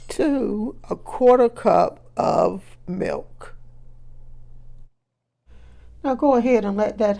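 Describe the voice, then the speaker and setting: Woman cooking host, homey and chatty, unhurried delivery, gravelly voice, home kitchen. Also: medium pitch, warm tone. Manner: chatty, homey, with frequent fillers. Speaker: cooking vlogger. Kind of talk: casual recipe demonstration.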